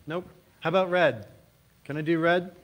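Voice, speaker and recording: A man, the pastor, giving friendly church announcements in a relaxed way with small fillers. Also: fairly high pitch, moderate pace. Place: church sanctuary.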